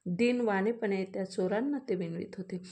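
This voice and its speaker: A woman reading a classic storybook aloud in a measured way, pausing to explain old words. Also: mid-range voice, dark tone.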